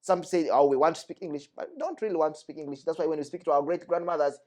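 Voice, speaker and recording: Rapid-fire and expressive, a young man from the DRC talks as a guest in an earnest discussion, hammering home his key points through repetition. His male voice is on the high side and warm in tone.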